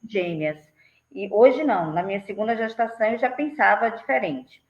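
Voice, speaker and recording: A woman's voice: mid-range voice, lively intonation, normal speed. A woman host with a Brazilian Portuguese accent, asking long questions made of several rephrased parts. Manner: rambling, stacked questions. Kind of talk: interview questions. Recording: roomy, lo-fi call audio.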